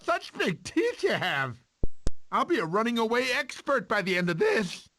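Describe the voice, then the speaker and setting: An actor playing a cowardly, talkative male sloth in an animated video game, with an excitable, theatrical, whiny delivery. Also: very high voice, normal speed, a little hiss or hum, full character voice. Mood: panicked, whiny.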